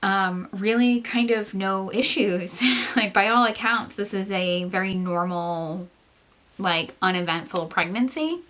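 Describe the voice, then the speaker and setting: A young female vlogger chats casually to camera, rambling with lots of "like" and "um" and laughing often between phrases. Her mid-range, bright voice is nasal from a stuffy, congested nose, and she sounds short of breath as she speaks a little slowly.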